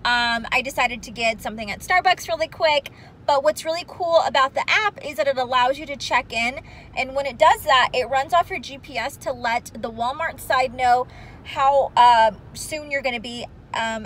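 A woman's voice: high voice, moderate pace, fairly bright tone, slight background noise. Chatty woman vlogging into her phone. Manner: chatty, upbeat, many ums. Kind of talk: casual vlog walkthrough. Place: at home, then in a parked car. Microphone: phone camera at arm's length.

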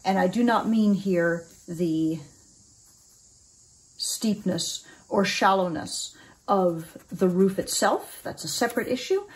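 A woman's voice: medium pitch, a little mellow. A woman in her forties teaching oboe reed making in a thoughtful, explanatory way with frequent ums, recorded in a small room at home. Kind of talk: instructional video.

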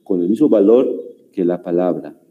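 A man's voice: sits low, expressive, normal speed, phone-quality sound. A man with a Bolivian Spanish accent teaching a grammar class, who keeps repeating "muy bien" and "señores" and asks the class rhetorical questions.

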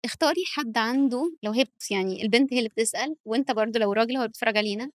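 Fast-talking Egyptian woman therapist. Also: fairly high pitch. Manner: explaining advice with firm conviction. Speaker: relationship therapist. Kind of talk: casual podcast chat.

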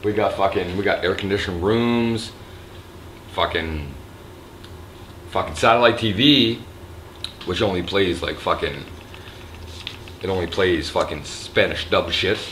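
A slightly drunk man with a raspy throat, rambling and swearing loosely in a casual vlog, filmed on a handheld camera in a resort hotel room. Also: sits low, measured pace, long pauses, fairly bright tone, a little hiss or hum. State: a little drunk. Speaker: vlogger. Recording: echoey room with faint ambience.

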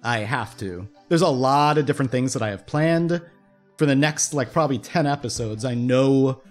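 This is a young man talking through a video game, casual and upbeat, often stopping to correct himself mid-sentence. His voice is slightly hoarse, as if he's losing it. Soft game music plays quietly beneath him. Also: mid-range voice, moderate pace. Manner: rambling, self-interrupting, upbeat. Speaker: gaming YouTuber. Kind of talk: casual let's-play commentary. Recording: faint game music behind.

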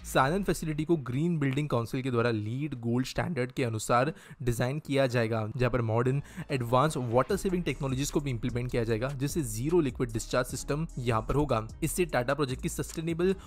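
Male voice-over, calm scripted news narration, mid-pitched, steady informative delivery. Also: quick pace, faint music behind. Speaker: narrator of a news explainer video.

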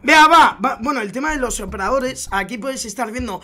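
A young man with a Spain Spanish accent doing excited gameplay commentary as a gaming YouTuber, bursting into loud exclamations and swearing. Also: very high-pitched, fast talker, soft background music.

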